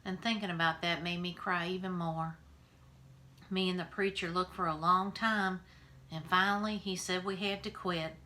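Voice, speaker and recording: Lady reading a kids book out loud then chatting about it, bright clear voice, easygoing. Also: on the low side, normal speed. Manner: relaxed, thinking aloud with fillers in the commentary. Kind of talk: reading a children's novel aloud with commentary.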